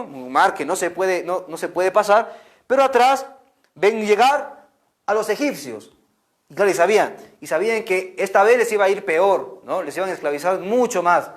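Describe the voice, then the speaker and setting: A man telling a Bible story to children as a catechist, animated, often checking in with "¿no?" and making sound effects. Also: high-pitched. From Peru. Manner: animated, lots of "¿no?" and "imagínate", sound effects like "pum".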